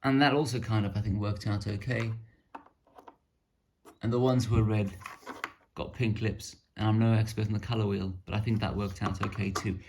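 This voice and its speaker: Man, low gravelly voice, casual hobby show-and-tell, rambling and self-deprecating. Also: steady tone, normal speed, a little hiss or hum. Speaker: miniature painting hobbyist.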